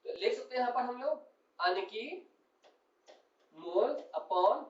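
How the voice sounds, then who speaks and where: A man with an extremely high, animated, fairly bright voice teaches chemistry to a class at a normal speed. He explains step by step, repeats key terms, keeps asking whether students have understood, and calls them "son." The classroom recording sounds roomy, distant and dull.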